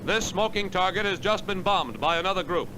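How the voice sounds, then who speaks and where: Man, old newsreel narrator, high-pitched voice, crisp measured announcer tone, noisy archival film soundtrack. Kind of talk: 1940s wartime newsreel narration.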